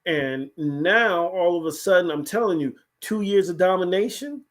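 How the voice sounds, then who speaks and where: A man, co-hosting a casual sports talk show and making his points with animated emphasis. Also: sits high, normal speed. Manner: animated, emphatic, repeats "here's the thing". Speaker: podcast co-host.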